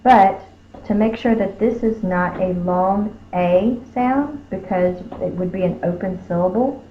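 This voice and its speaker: Slow, careful woman teaching phonics. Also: medium pitch, a little hiss or hum. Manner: slow, careful, sounding out each letter. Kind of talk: phonics spelling lesson. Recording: tinny phone-like lo-fi recording.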